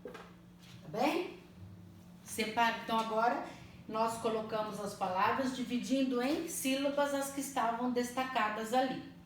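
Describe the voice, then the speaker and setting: A woman teaching a primary school language lesson, spelling out words slowly and patiently, often checking that the children follow. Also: on the high side, fairly even intonation. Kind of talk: slow, clearly spelled-out online lesson. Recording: echoey room, mic at a distance, faint noise.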